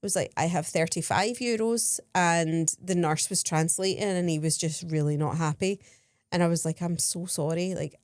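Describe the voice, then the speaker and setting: A woman's voice: lowish voice, normal speed, no echo, clean studio sound. A woman co-hosting a podcast, telling holiday stories in casual chat, laughing as she goes. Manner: chatty, animated, laughs while telling stories. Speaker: podcast co-host.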